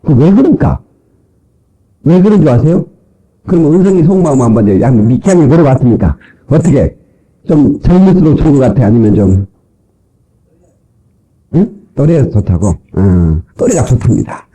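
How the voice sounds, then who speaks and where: A man's voice: medium pitch, sing-song, normal speed, pauses often, mellow, poor audio. A male pastor preaching a sermon in a church, joking with the congregation and mimicking people's voices.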